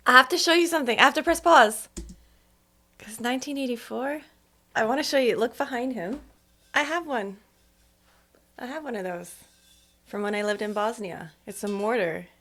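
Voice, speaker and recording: Female reaction host, bright voice, chatty and relaxed. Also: a little high, normal speed, pauses often. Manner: chatty, laughs along with the film. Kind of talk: casual reaction commentary.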